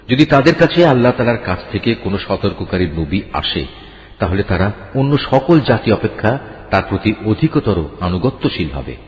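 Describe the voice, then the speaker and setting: A man giving a solemn, measured reading of a scripture translation. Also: on the low side. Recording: echoey hall reverb, dull lo-fi sound.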